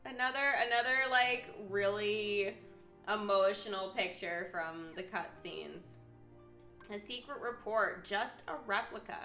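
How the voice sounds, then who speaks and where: In a roomy, echoey space with video game music playing behind her, a woman game streamer reads story text aloud and offers live commentary. Her medium-pitched voice is very bright and forward, and she speaks unhurriedly.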